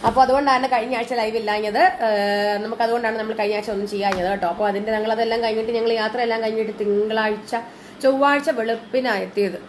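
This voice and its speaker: Female live-sales host, higher register, casual and chatty despite a cold, some background noise. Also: steady tone, very fast. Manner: chatty, mixing in English words. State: has a lingering cold and cough. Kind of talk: casual live sales chat, greeting viewers.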